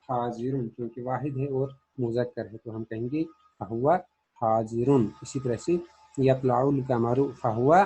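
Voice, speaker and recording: Male language teacher, warm and slightly raspy, methodical question-and-answer drilling. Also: mid-range voice, rough recording. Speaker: Arabic grammar teacher. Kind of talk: classroom grammar lesson.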